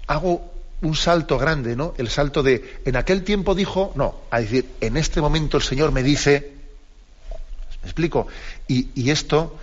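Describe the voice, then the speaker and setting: Priest host of a call-in radio show, middle-pitched man, reflective, often circles back on his words; dull, muffled broadcast sound. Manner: reflective, restarts phrases, adds tags like "¿eh?" and "¿no?". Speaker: priest hosting a radio catechism program. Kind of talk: live call-in radio teaching.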